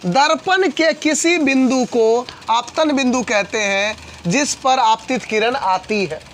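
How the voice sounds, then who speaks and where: A man teaching a physics class to students. He talks fast and keeps repeating questions for the class to answer back. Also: very high-pitched, fairly bright tone, a little hiss or hum. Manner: fast, repetitive call-and-response questioning.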